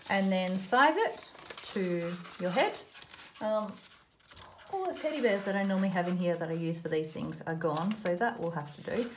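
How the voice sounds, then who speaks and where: Chatty Australian woman, noisy craft-table recording. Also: lowish voice. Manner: chatty, informal, self-deprecating, thinking aloud. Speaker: host of a children's craft video. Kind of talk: casual craft tutorial, talking while working.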